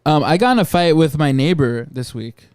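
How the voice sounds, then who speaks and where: A man chatting casually on a podcast, a halting, hesitant storyteller. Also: on the high side, lively intonation, darkish tone, clean tone, no echo, clean studio sound. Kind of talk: casual chat.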